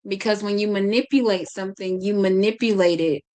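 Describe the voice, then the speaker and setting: A woman's voice: mid-range voice, a little fast, a little mellow. Chatty woman podcast host. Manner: talkative, stumbles and restarts often. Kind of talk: casual podcast chat.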